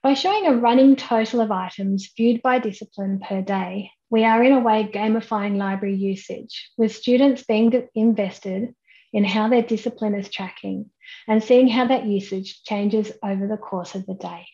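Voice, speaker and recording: Woman, thirties, steady explanatory presenter, relaxed voice, lo-fi webcam capture. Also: mid-range voice. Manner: measured, explanatory, with frequent "um"s. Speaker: keynote speaker. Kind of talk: online conference presentation. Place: indoors at home, plain wall behind. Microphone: webcam at desk, head and shoulders framing.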